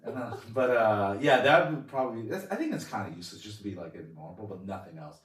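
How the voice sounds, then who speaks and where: A man's voice: fairly low pitch, expressive, fast. A man, a comedian guest, chatting casually and rambling with crude jokey asides. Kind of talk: casual interview chat. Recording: roomy echo, distant mic.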